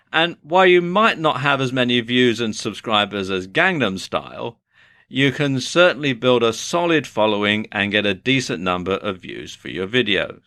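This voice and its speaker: A man's voice: mid-range voice, sharp tone, no echo. A man narrating a scripted online business tutorial, explaining things in a chatty way with dry asides.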